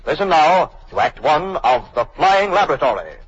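A man narrates a 1940s radio drama in a dramatic announcer style, his fairly high voice very animated at a normal speed. It sounds like an old radio broadcast, a dull lo-fi vintage recording with loud music.

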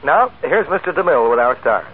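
A man working as a radio announcer, reading scripted promotions and credits in a brisk, upbeat way, heard through an old radio show broadcast. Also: a little high, sing-song, breathy edge. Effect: old radio show broadcast sound. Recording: tinny 1940s radio broadcast with music.

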